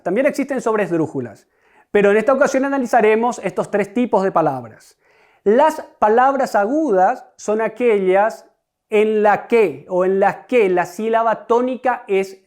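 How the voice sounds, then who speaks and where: Speaking directly to the students, a teacher walks through a grammar lesson recorded for online viewing. The pitch is medium, the pace deliberate, and important points are repeated for clarity.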